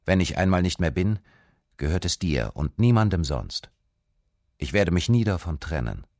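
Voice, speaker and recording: A man's voice: low voice, sing-song, normal speed, a little mellow, no echo, studio quality, full character voice. A man reading a stern, threatening Viking father. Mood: secretive. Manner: harsh, commanding. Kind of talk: dramatic reading.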